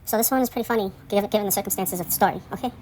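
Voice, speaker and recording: An indignant woman races through a rambling, profanity-laced story in casual monologue, going high and loud when outraged. There's a little hiss or hum on the recording.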